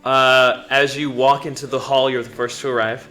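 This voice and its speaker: A man's voice: mid-range voice, flat delivery, normal speed, bright, forceful tone. A man narrating a tabletop game casually as game master, improvising as he goes. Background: background music.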